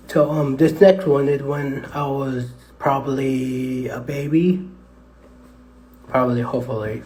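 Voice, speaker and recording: A man's voice: medium pitch, a little mellow, slight background noise. A man chatting hesitantly on a live stream with lots of fillers, his voice echoing off the walls of a tunnel. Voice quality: hesitant, halting with many fillers. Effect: echoing tunnel reverb, voice bouncing around. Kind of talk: rambling live stream chat. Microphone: tablet microphone. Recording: echoey tunnel sound.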